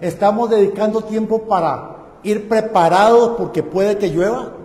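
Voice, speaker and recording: A man's voice: high-pitched, normal speed, a little mellow. A man preaching a sermon, putting rhetorical questions to his congregation. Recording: echoey hall.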